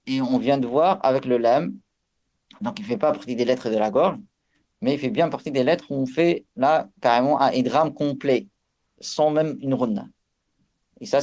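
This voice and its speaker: A man's voice: mid-range voice, darkish tone. A man giving a religious lesson on recitation rules, explaining with fillers and restarts and chanting Arabic examples. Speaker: religious teacher. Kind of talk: tajwid lesson.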